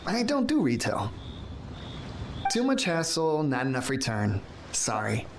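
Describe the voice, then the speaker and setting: A man's voice: medium pitch, wildly swooping pitch, measured pace, creaky, noisy background, heavily acted. A man playing an apologetic, easily flustered trader in a video game, speaking hesitantly. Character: apologetic, flustered male trader, reluctant to bother. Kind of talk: video game character dialogue.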